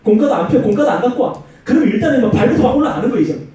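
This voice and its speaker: A man preaching a youth sermon in a church, telling stories and acting out the quotes. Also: racing. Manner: animated storytelling with acted-out quotes and swinging pitch. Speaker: youth pastor. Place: church hall. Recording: very echoey hall, mic far off.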